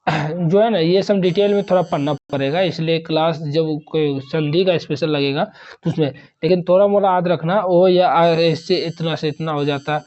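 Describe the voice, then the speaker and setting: A man's voice: on the high side, steady tone, moderate pace, darkish tone, muffled recording. A man teaching an exam revision grammar lesson, rattling off examples one after another and repeating terms.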